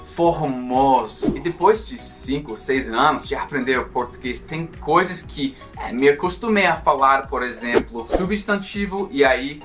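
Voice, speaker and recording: Casting: man, Portuguese, eager narrator who stretches words out, soft music underneath. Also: medium pitch, expressive, moderate pace, hardly any pauses. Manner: enthusiastic, lingers on words to show their sound. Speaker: language learner in a played clip. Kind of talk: scripted video narration.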